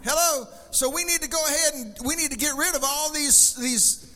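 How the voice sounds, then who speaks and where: High-pitched Southern preacher man in a hall. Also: moderate pace, bright, forceful tone. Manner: folksy, colloquial, exhorting with call-and-response. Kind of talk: animated Christmas sermon to a congregation. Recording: echoey hall sound, faint music.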